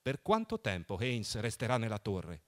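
A man voicing a sleepy, sullen young man who speaks quietly and coldly. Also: fairly low pitch, normal speed. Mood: cold subdued. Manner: quiet, flat, subdued.

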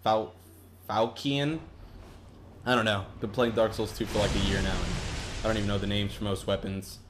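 A man's voice: lowish voice, little pitch movement, quick pace, noisy background. A young man giving casual, rambling gameplay commentary, swearing often and restarting his sentences. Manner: rambling, profane, with frequent restarts. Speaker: gaming YouTuber.

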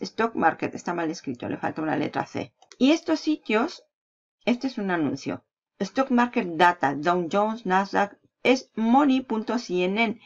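A woman's voice: medium pitch, vocal fry. A woman giving a casual screen-recorded tutorial on online marketing, walking through search results and brushing past details with "bla, bla". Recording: dull lo-fi audio.

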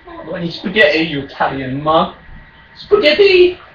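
A raging British gamer, male, with a high voice that swings animatedly up and down. He taunts and trash-talks his opponent at a slow, drawn-out pace. The sound is distant in an echoey room. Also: animated, pushed and bright, lo-fi sound. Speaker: video game player. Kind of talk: trash-talking during an online football game. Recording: echoey room, distant mic, faint noise.

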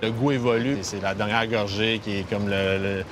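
A man's voice: lowish voice, steady tone, moderate pace, over music, crowd noise. A man, café staff describing a coffee drink with frequent fillers and hesitations. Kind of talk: casual interview.

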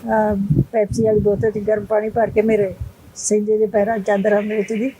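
A woman's voice: mid-range voice, level tone, normal speed, mellow, a little hiss or hum, rough recording. An older woman, telling her story plainly in an interview. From Punjab. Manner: plain storytelling, retelling others' words. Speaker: interview guest. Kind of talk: emotional interview.

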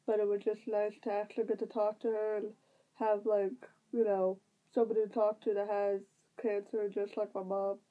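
A young vlogger with a blocked nose gives a rambling update from her bed, stumbling over fillers and starting sentences again. She speaks at a medium pitch in a level tone and moderate pace. Her device camera records her from close range, and the audio sounds tinny, like a phone.

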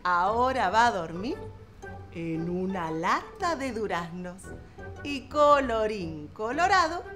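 A woman telling a children's story, playful and expressive, acting out sound effects. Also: mid-range voice, takes it slowly, soft background music.

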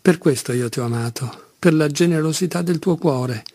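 A man's voice: fairly high pitch, moderate pace, darkish tone, no room sound. A man voicing a proud, passionate young woman making fervent declarations, in an audiobook reading. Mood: tender.

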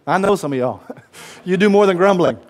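High-voiced lively male preacher. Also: normal speed. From United States. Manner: conversational, speaks directly to the congregation. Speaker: pastor. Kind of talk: sermon.

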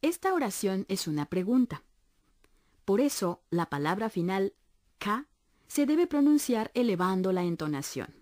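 A woman's voice: medium pitch, sing-song, unhurried, darkish tone, dry recording, clean studio sound. Patient woman teaching language on radio. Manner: clear, patient and encouraging, explaining step by step. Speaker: Japanese language instructor on a radio course. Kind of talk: scripted educational narration.

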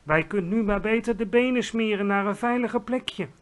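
A big, gentle old giant, voiced by a man reading a storybook aloud, speaks in a hushed whisper with charmingly broken grammar. His voice sits fairly high and soft. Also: a little fast, lightly acted.

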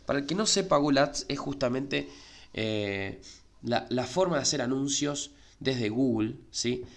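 Animated yet measured in pace, the Argentine host of a crypto YouTube channel speaks in a mid-range voice. His market commentary is casual and chatty, full of repeated "eh" sounds and questioning "¿sí?".

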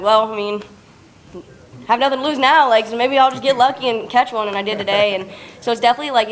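Young woman player talking super fast and flat at a press table, casual, says like a lot. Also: mid-range voice. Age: young adult. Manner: chatty, casual, lots of "like". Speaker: college softball player. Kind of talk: postgame press conference answers. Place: press conference room, indoors. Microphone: table microphone.

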